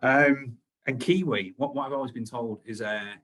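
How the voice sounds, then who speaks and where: A man from Scotland with a husky, slightly breathy voice and a Scottish accent worn down by years in Australia. He runs the interview in a chatty, jokey way, at an everyday middle pitch. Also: normal speed, fairly bright tone. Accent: Scottish mixed with Australian. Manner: chatty, jokey, laughs easily. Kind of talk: casual interview chat.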